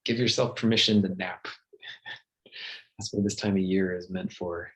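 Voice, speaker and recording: A man hosting a group video call and guiding a gentle love practice in a calm, unhurried way. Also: low-pitched. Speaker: host and meditation guide. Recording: dull lo-fi video call audio.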